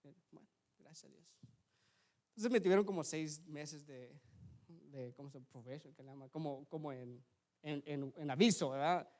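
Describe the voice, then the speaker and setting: A man preaching a sermon in a church, telling a personal story in a conversational way, often asking the brethren to agree and swinging from loud emphasis to quiet asides. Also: a little high, normal speed. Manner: conversational, keeps asking ¿verdad? and addressing the brethren.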